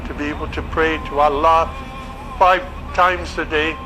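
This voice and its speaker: A middle-aged man from the United States telling his conversion story in an earnest, reflective way, pausing with fillers. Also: a little high, fairly even intonation, poor audio. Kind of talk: personal testimony. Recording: music bed underneath.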